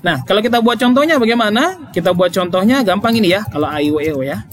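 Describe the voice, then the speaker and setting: A man's voice: high-pitched, expressive, quick pace, a little hiss or hum. A male English teacher explaining grammar in a lesson, emphatic, repeating key points and checking with "oke?".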